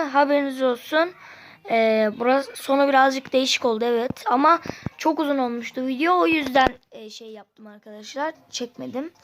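A kid giving casual gameplay commentary to viewers, excitable and quick to frustrated outbursts. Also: high voice, low-quality recording. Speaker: gameplay youtuber.

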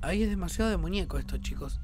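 A man with a Rioplatense accent commenting on a horror game, excitable and prone to shrieking at scares. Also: sits high, very fast, faint music behind. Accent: Rioplatense Spanish. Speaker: gaming YouTuber.

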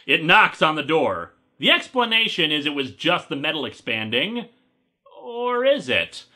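An enthusiastic man defends his side in a comedic review debate. His voice is very bright and a little high, and his intonation moves lively up and down. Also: moderate pace.

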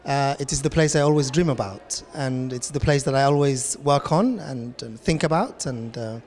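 A man who grew up in Somalia giving thoughtful, deliberate interview answers with many pauses. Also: medium pitch, a little mellow, in a large hall, a little hiss or hum.

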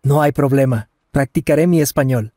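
This mellow, mid-range male voice sounds close to everyday speech and is captured cleanly in a studio without echo. The speaker is a voice actor playing a courteous, warm Canadian tourist learning Spanish, carefully pronouncing every line once slowly and once at regular pace.

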